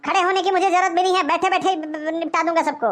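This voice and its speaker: A woman's voice: very high voice, steady tone, quick pace. A woman voicing a boastful, short-tempered cartoon man who blusters threats. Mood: blustering. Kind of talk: cartoon voice acting.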